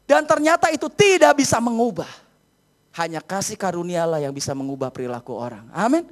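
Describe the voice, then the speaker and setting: Animated middle-aged male preacher. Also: sits high, brisk. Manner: animated, story-driven preaching with swings from loud to soft; sprinkles English words into speech. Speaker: pastor. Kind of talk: sermon storytelling.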